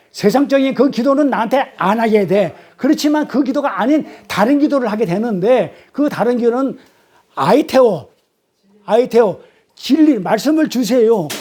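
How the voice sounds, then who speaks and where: A man's voice: very high voice, warm tone. A man teaching a Bible study sermon, questioning his class and repeating key phrases.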